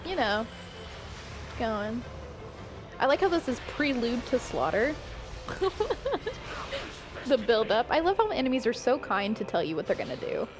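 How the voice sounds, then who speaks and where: A woman's voice: a little high, sing-song, a little slow, pauses often, music in the background. A woman chatting casually on a stream while she plays a game, laughing often. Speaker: guest streamer.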